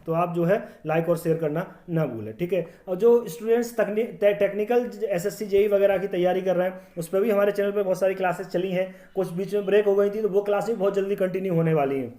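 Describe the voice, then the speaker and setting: A male teacher going through exam-prep quiz questions, repeating each question and checking in with the viewer, his sentences often trailing off quieter. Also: high-pitched, quick pace, few pauses. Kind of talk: quiz walkthrough, explaining answers.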